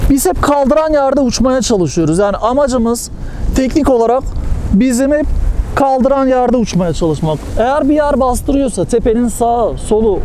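A young man teaching paragliding technique while he flies, calmly explaining and answering his own questions, recorded outdoors on a helmet-mounted camera. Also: very high voice, poor audio. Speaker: paragliding instructor and vlogger. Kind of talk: in-flight instructional commentary. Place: outdoors, flying a paraglider over hills. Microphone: helmet-mounted action camera. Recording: faint wind noise.

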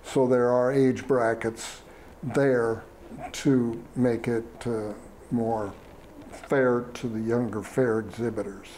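A man, speaking slowly with many fillers and restarts as a fair superintendent in a studio interview. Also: mid-range voice, level tone, a little mellow, slight background noise. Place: small TV studio. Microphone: lapel mic.

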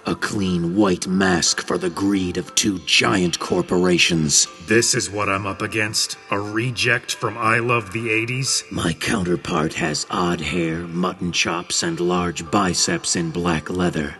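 A man voicing a grim, paranoid masked vigilante in a comedy parody, in a clipped, gravelly deadpan. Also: deep voice, takes it slowly, faint music behind, full character voice.

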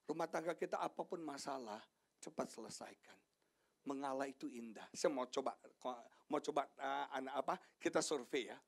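A middle-aged male pastor preaching an animated sermon, swinging from shouted lines to hushed asides and joking with the congregation. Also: medium pitch, normal speed, vocal fry, breathy edge. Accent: Indonesian. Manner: jokes with the congregation, asks them questions. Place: church sanctuary.

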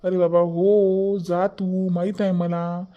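A man's voice: high-pitched, flat delivery, slow, muffled recording. A man voicing a teasing, mildly exasperated young husband in a cartoon, with a Vidarbha Marathi accent. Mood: reasoning. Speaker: cartoon dub voice.

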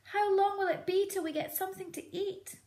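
A woman voicing small hungry fox cubs, pleading in a high whine. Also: fairly even intonation, a little fast, dark tone, echoey room.

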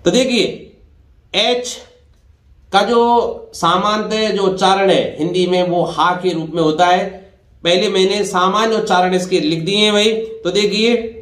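Slow, patient Hindi-speaking teacher, high-pitched man. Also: fairly even intonation, fairly bright tone, reverberant. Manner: slow, patient explaining with frequent "dekhiye" and "bhai". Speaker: English teacher. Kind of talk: Hindi-medium English pronunciation lesson.

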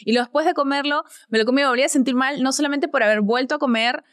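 A woman, chatting as a podcast host and telling her story in fast, animated bursts. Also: sits high, dry recording, clean studio sound. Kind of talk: casual chat.

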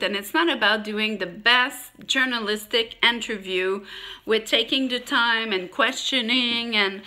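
A woman with a French accent, talking straight to her viewers with emphasis and many halting restarts, a little congested from allergies. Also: fairly high pitch, pushed and bright. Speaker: YouTuber. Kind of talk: direct-to-camera monologue.

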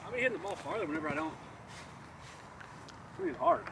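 A man's voice: sits high, big pitch swings, fast talker, gravelly. A man vlogging a round of golf, chatting casually and talking through his shots. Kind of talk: casual chat while golfing. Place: outdoor golf course. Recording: distant mic with loud outdoor noise.

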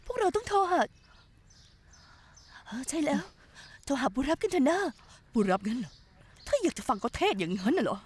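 A woman's voice: sits high, very animated, fast talker, husky, full character voice. A woman dubbing an anxious, scheming woman who frets and bickers over whom to call for help, in a Thai dub of a TV drama. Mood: fretful. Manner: fretful, bickering.

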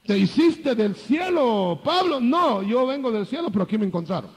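An older man preaching a sermon, lively, acting out biblical dialogue in changing voices. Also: very high-pitched, normal speed, breathy edge, big-room sound.

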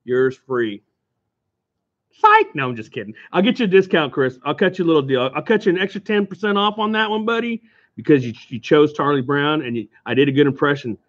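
A man's voice: on the high side, fast talker. A man with an Oklahoma accent hosting a live card sale from a game store, joking and hawking prices to viewers. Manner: jokey, playful hawking. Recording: dull lo-fi stream audio.

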